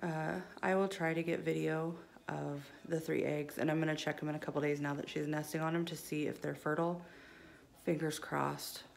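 Low gravelly woman chatting about pets. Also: level tone, normal speed. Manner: chatty, with frequent fillers and baby talk to her birds. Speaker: pet vlogger. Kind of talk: casual pet vlog narration.

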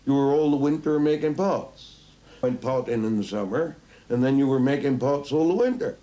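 A man's voice: mid-range voice, normal speed, mellow. An older man with a Cornish accent, a retired fisherman telling blunt, emphatic stories from his past. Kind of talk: reminiscing interview.

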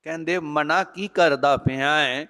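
A man, a head granthi, giving a Sikh scripture exposition, chanting verses slowly and then explaining them in a preaching manner. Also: a little high, bright, forceful tone, smooth, in a large hall.

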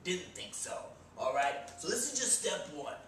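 Filmed by a distant camera in a small room with a bare wall, a young man in his twenties hosts a comedy bit parodying gym bros with cocky bravado. His high voice swings widely in pitch at a moderate pace, fairly bright in tone. The room echoes, and a slight hiss or hum runs underneath.

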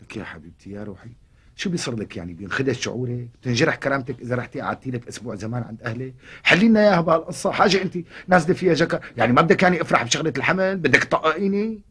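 A man's voice: medium pitch, lively intonation, very fast, a bit bright, husky. An actor with a Syrian Arabic accent playing a harried husband who coaxes and sweet-talks his quarreling wives. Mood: coaxing. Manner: coaxing, exasperated, sweet-talking. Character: harried husband caught between two wives. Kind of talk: TV comedy acting.

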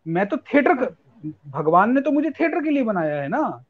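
A man's voice: extremely high pitch, very animated, moderate pace, no room sound. A man in an online panel discussion, earnestly arguing his point with everyday examples. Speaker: panel guest. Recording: lo-fi online call audio.

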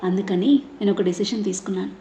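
Brief: woman reading a proud, loving young husband for an audiobook. Mellow, echoey. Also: medium pitch, flat delivery, fast, a little hiss or hum, lightly acted. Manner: warm, proud.

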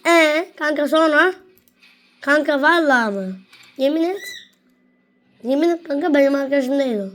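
A woman streaming an online game, taunting opponents and swearing loudly as she plays. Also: sits high, moderate pace, long pauses, slight background noise. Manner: trash-talking, taunting, profane, shouts repeated jeers. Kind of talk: live gameplay chat.

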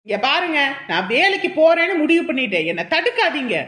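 A woman's voice: high-pitched, big pitch swings, brisk, a bit bright. A woman playing a determined young mother who firmly insists on going to work. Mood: defiant. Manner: firm, defiant. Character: determined young mother set on getting a job.

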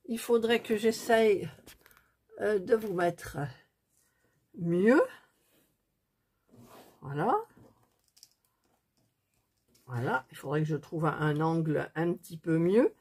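A woman's voice: fairly low pitch, slow, long pauses, a little mellow, breathy edge. A woman chatting casually through a craft tutorial, thinking aloud as she works. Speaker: craft vlogger.

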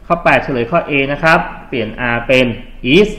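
With a Thai accent and a slightly high, bright, expressive voice that carries a forceful tone, a male teacher goes over English grammar in class. He reads test sentences out slowly, gently coaxing his students along.

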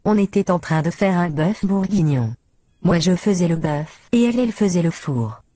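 A woman's voice: fairly low pitch, lively intonation, normal speed, dark tone, no room sound, clean studio sound. A woman putting on a meek chirpy housemaid. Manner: chirpy, servile. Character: meek eager young female housekeeper. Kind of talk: comic machinima voice acting.

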